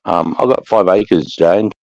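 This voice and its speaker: Deep-voiced blokey Australasian man, slangy. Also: measured pace, gravelly, darkish tone, no room sound. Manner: blokey, slangy, swears freely. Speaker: host of a live chat. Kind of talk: casual chat. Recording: dull lo-fi sound.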